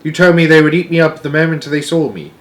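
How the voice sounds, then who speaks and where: A man's voice: a little high, fast talker, pitched above the performer's own voice, lightly acted. A man voicing a small, plucky storybook girl who is inquisitive, persistent and properly spoken. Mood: insistent.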